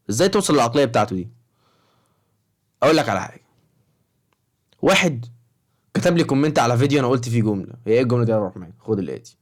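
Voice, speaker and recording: Fast-talking young Egyptian man vlogging. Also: mid-range voice. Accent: Egyptian Arabic. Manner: rambling and chatty, keeps checking in with the viewer. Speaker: study-advice vlogger for high school students. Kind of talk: casual fast-talking vlog.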